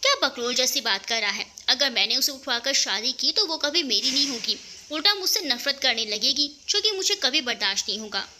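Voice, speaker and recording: A woman's voice: sits high, animated, brisk, few pauses, pushed and bright, heavily acted. A woman voicing a possessive young man who broods over a girl in a romantic audio story. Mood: brooding. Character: obsessive young man, possessive rival suitor.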